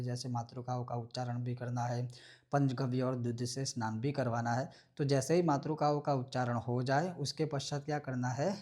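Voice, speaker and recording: A man explaining a prayer-bead ritual step by step, in a measured way that repeats phrases, chanting syllables and mantras slowly. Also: medium pitch, a little mellow. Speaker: ritual teacher.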